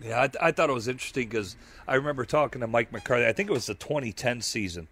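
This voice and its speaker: A man's voice: mid-range voice, fast, fairly bright tone. A man analyzing football on a radio show, rambling through long analytical points. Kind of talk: sports radio talk.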